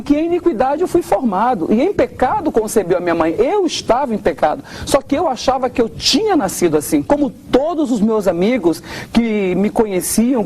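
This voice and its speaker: A man's voice: extremely high pitch, a little hiss or hum. A man with a Brazilian Portuguese accent giving an earnest testimony in an interview, acting out the voices of the people he quotes. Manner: earnest, expressive, quotes others in changing tones. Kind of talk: emotional testimony.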